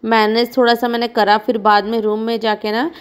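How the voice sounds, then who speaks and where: A woman's voice: fairly high pitch, level tone, fairly quick, clear, resonant tone. A woman in her thirties from India, a vlogging mother chatting frankly and rambling as she talks over her own footage. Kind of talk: casual chat narrating vlog footage.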